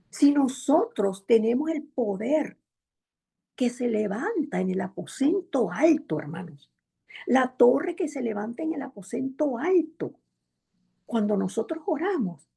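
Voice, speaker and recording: A woman's voice: medium pitch, vocal fry, warm tone, slightly rough. A woman preacher delivering a Sunday sermon in a church, with an emphatic, repetitive cadence, often addressing the congregation as brethren. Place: church in Montreal.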